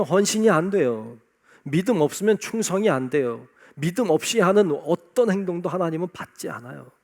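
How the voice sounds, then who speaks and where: Male pastor for a sermon: emphatic and repetitive, with a bright, swooping delivery and a gravelly edge. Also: a little high. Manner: emphatic, repeats key phrases. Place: church sanctuary.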